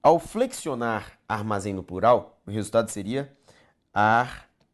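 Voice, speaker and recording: A man's voice: fairly low pitch, animated, normal speed. A man with a Brazilian accent teaching a grammar lesson. He is emphatic, repeats key points and asks rhetorical questions. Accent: Brazilian Portuguese.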